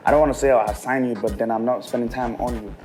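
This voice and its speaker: Music plays behind this casual chat with a guest musician, a man in his thirties who was raised in England and touched by speech. He talks fast in a steady, medium-pitched voice, frequently laughing and imitating other people's voices.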